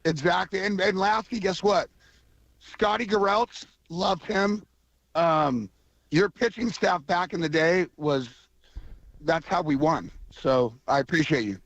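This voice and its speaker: A man with a coarse, gravelly voice from allergies, chatting casually and enthusiastically as a caller to a radio show. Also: high voice, a little slow, dry recording. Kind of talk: casual call-in chat. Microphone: phone call to radio show. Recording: band-limited phone line.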